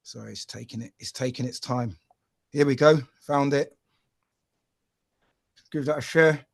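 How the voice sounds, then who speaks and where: A man's voice: medium pitch, measured pace, vocal fry, dry recording. A man hosting a casual podcast interview, chatty and full of fillers, often asking "you know what I mean". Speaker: podcast host.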